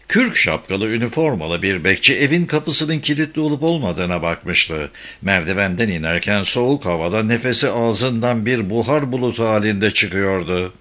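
A man narrating a crime novel audiobook in a steady, even reading. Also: on the low side. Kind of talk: scripted narration.

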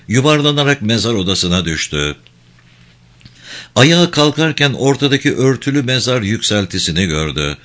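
Low-voiced man reading an audiobook. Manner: steady, measured reading of action scenes. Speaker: audiobook narrator. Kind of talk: scripted audiobook narration.

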